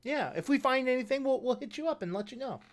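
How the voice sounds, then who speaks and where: A player in a live tabletop game, talking loosely with many pauses and fillers. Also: high-pitched, lively intonation. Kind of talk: casual role-play banter.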